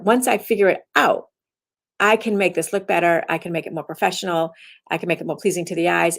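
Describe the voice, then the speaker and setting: A woman's voice: on the low side, vocal fry. A woman instructor giving her daily message as rambling casual talk, often restarting her sentences. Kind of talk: casual self-recorded talk.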